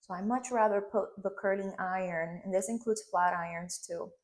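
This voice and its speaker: A woman in her thirties, a Spanish speaker from Puerto Rico with the accent to match, walks viewers through a hairstyling tutorial with a hands-on demonstration. She instructs at normal speed in a medium pitch and frequently asks "okay?".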